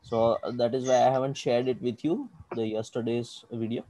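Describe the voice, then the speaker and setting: A man's voice: medium pitch, steady tone, normal speed, mellow, no echo. A man with an Indian accent teaching an online maths lesson step by step, often checking understanding with short questions. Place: indoors, online video class.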